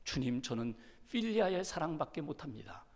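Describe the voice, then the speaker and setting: Pastor doing a humble peter, quiet earnest confession, big echoey hall. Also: male voice, on the high side, sing-song, a little fast, pitched below the performer's own voice. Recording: long hall reverb.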